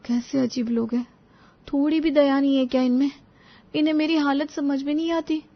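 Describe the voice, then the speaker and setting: A woman voicing a tired young mother and daughter-in-law in an animated story, protesting in exasperation. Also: high-pitched, moderate pace, muffled recording, pitched above the performer's own voice. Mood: bitter.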